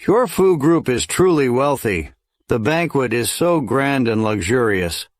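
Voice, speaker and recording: A man's voice: medium pitch, expressive, unhurried, close to an everyday voice. Man voicing a blustering, snobbish middle-aged father. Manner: blustering, bossy. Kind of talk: English drama dub. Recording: dry studio dub.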